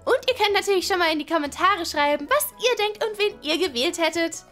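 Bubbly high-voiced woman, very bright. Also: fairly quick, faint music behind. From Germany. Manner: bubbly, excitable, chatty. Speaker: gaming video host. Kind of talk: energetic game role-play narration.

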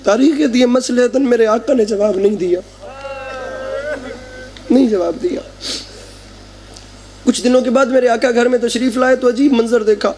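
A man with a Punjabi accent delivering a mourning sermon at a live gathering, full of fervent emotion. His voice sits notably high for a man, and he leans into each line with pleading intensity. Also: moderate pace, pauses often, crowd noise. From Pakistan. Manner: emotional, repeatedly swearing by God, mixing Urdu and Punjabi. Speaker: zakir reciting at a mourning majlis. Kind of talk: impassioned mourning sermon recitation.

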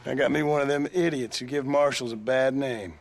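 A man playing John Marston, a deadpan gunslinger. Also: medium pitch, normal speed, vocal fry, lightly acted. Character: steady, dry-witted male western gunslinger.

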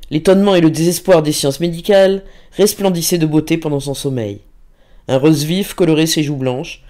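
A man reading a classic novel aloud as an audiobook narrator, measured and expressive. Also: on the high side.

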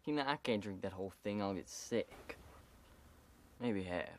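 A man's voice: lowish voice, expressive, normal speed, slight background noise, close to an everyday voice. A young actor playing a laid-back teenage boy who drawls his answers. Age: teens. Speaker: Tim.

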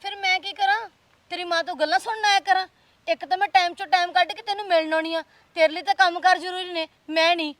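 A woman's voice: very high voice, fairly even intonation, quick pace, a bit bright, no room sound. A young actress with a Punjabi accent playing a girlfriend who scolds her partner sharply and makes demands. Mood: angry. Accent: Punjabi (Malwa). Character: sulky young woman scolding her boyfriend. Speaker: actor in a short film.

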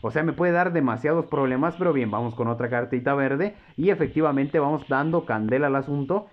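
A man's voice: mid-range voice, fairly quick, lo-fi sound. A man commentating his own mobile game match, joking and swearing at the opponent. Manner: excitable, swears and jokes at opponent. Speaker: gameplay commentator. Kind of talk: live mobile gameplay commentary.

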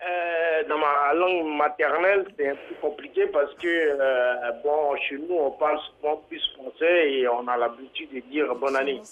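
Man, caller, halting with fillers, slightly high, thin telephone sound. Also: fairly even intonation. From Côte d'Ivoire. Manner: hesitant, many fillers. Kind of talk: phone call to a live TV show. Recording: tinny phone line.

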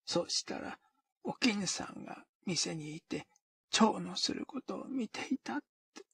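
A man voicing a bedridden, dying woman who speaks slowly and listlessly in a dry, rasping half-whisper. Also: high voice, expressive, a bit bright, no echo, voice pushed up, exaggerated voice. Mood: weary pleading. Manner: slow, listless, pleading.

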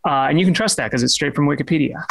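A young man leads a casual online talk from his computer, his voice sitting a touch high. He hesitates, restarts his sentences and fills pauses with "uh" and "like". Now and then he slips in a dry joke at his own expense. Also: creaky, fairly bright tone. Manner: halting, many fillers and restarts; self-deprecating humor. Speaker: presenter.

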